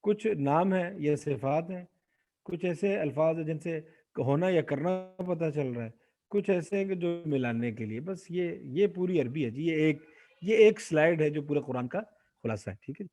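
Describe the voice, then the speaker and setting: A man with a high voice teaches Arabic grammar over a video call. He explains a point, then puts a question to the class. He keeps asking his students to answer aloud. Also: animated, darkish tone. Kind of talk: online Quran Arabic grammar lesson.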